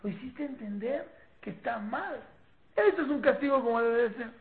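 A woman with a Mexican accent teaching a parenting class in a lively, informal way, acting out parents and children and often repeating herself. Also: on the high side, normal speed. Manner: animated, acts out parents and children, repeats words. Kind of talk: informal class talk with students. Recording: echoey room, tinny phone-like sound.

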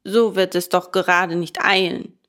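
A woman voicing a sly, lazy schoolboy in a storybook reading, coaxing his friend in a lowered voice. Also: fairly even intonation, unhurried, a bit bright. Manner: low, coaxing, persuasive.

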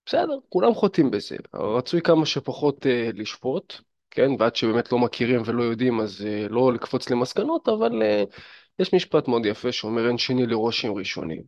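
Guy with a gravelly voice coaching the viewer on dating, chatty, lots of fillers, dull dry lo-fi audio. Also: mid-range voice, very animated, a little mellow, dry recording. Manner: chatty, addresses listener directly, many fillers. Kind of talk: casual advice monologue to camera.

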